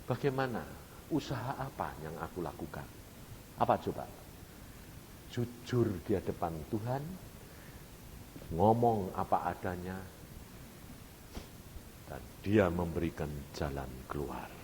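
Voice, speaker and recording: A man preaching a sermon in with a tinge, telling a story animatedly, rising to loud emotional peaks and asking the congregation direct questions. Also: lively intonation, measured pace, long pauses. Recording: reverberant hall with faint rumble.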